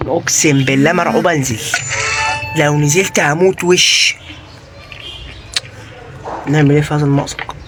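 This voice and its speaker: A man with an Egyptian Arabic accent giving Minecraft let's-play commentary, jumpy and panicky, breaking into high shrieks when scared. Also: fairly even intonation, normal speed, pauses often, noisy background. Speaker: gaming YouTuber.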